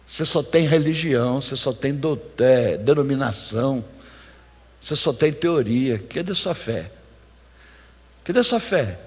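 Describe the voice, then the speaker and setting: A man with a Brazilian accent voicing a calm, stern Jesus rebuking weak faith, in a low, quiet, measured tone. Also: slightly rough. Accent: Brazilian Portuguese. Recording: echoey church hall.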